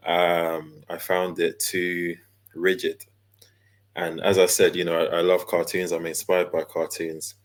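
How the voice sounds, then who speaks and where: Easygoing guy in his 30s, really low deep voice, chatty interview guest. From London, England. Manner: laid-back, easygoing, with many fillers and laughs. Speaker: guest, character designer and illustrator. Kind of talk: casual interview chat.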